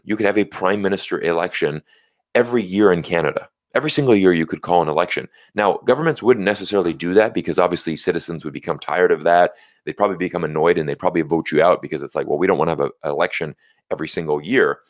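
Speaking into a big stand-mounted studio microphone placed right in front of him, a thirties-aged American livestream host talks casually from his small home studio. He explains things in an earnest manner, peppered with plenty of "you know"s, and his low voice comes through with no echo.

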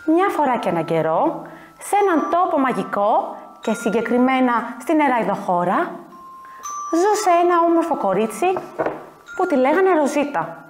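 A woman teacher telling a fairy tale to small children, with a high, bright voice that swoops up and down. Faint music plays softly underneath. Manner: animated, expressive. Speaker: kindergarten teacher. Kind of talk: storytelling for young children.

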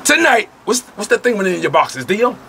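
A man from New York ranting boastfully and loudly on a live stream, taunting as he talks. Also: sits high, sing-song, brisk, creaky, slight background noise. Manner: boastful, loud, profane, taunting. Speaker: livestreamer. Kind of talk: brash live-stream rant. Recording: loud crowd around him.

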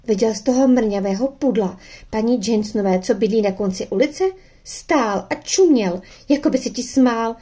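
A woman's voice: a little high, dark tone, slightly rough. A woman reading an audiobook voices a stubborn, indignant young girl who sulks and flares up. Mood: determined. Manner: sulky, indignant.

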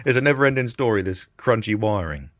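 In a lowish, slightly bright voice with lively intonation, a middle-aged man talks fast while presenting a repair. He's a radio restorer at a bench in a small indoor workshop, informal and hesitant as he thinks aloud, recorded at studio quality with no echo.

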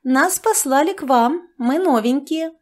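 A brash young maid with a cheeky streak, as a woman reader puts her on. She speaks up high, with lively, bouncing lines in a fantasy audiobook. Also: unhurried.

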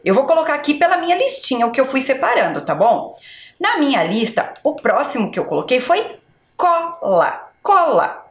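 Woman teacher, children's spelling lesson, sounds out syllables, higher voice, roomy echo. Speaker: schoolteacher. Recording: echoey room.

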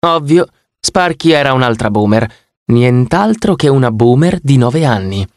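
A man reading an audiobook in the first person, expressive and vivid. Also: mid-range voice, normal speed, no room sound, studio quality. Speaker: audiobook narrator.

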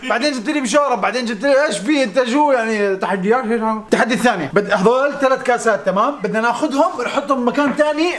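A young man with a Levantine Arabic accent in animated casual banter, often repeating himself. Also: extremely high pitch, very fast, few pauses. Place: living room. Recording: group chatter behind, slightly distant.

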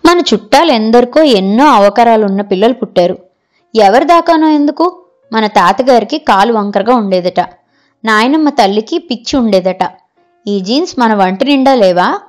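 A woman voicing a calm, pointed younger sister. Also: on the high side, soft background music, close to an everyday voice. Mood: firm. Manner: slow and pointed, challenging.

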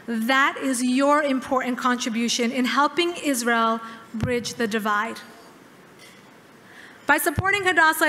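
A woman in her thirties giving a formal keynote speech at a podium, measured and emphatic with dramatic pauses. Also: high-pitched, bright, forceful tone. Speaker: keynote speaker. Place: large dark hall, at a podium. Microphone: podium microphone. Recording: hall reverb.

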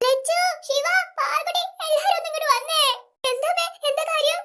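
A voice actor playing several family characters in a comic sketch, wailing and bickering melodramatically. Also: female voice, extremely high pitch, steady tone, moderate pace, bright, forceful tone.

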